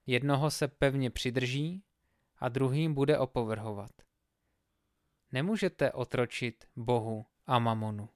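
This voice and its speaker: Smooth-voiced man reading scripture. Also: mid-range voice, no echo, studio quality. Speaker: Bible reader.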